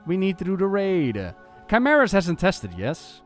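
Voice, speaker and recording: Guy streaming a game, chatty, voice goes all over, thinking out loud, faint music behind. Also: high-pitched, wildly swooping pitch. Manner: halting, thinking aloud, repeating words. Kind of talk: casual live gaming commentary.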